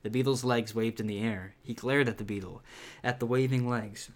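Speaking at a normal speed in a steady, mid-range voice, a man gives a casual read-aloud of a children's horror book. He keeps stopping for laughing asides and commentary, with plenty of fillers.

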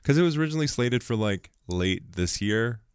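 A man co-hosting a podcast in casual chat, acting out quotes in quick asides. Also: mid-range voice, lively intonation, smooth, no room sound, clean studio sound. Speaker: podcast co-host.

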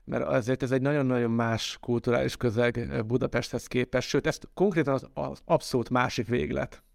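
A man's voice: medium pitch, fairly even intonation, gravelly, no room sound, studio quality. A man hosting a casual interview, thoughtfully building long questions step by step. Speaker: podcast interviewer, host.

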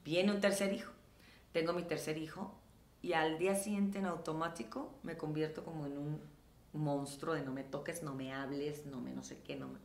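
A middle-aged Mexican woman talking casually in an interview, animated and acting out quoted dialogue. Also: sits low, moderate pace, gravelly, echoey room. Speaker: guest.

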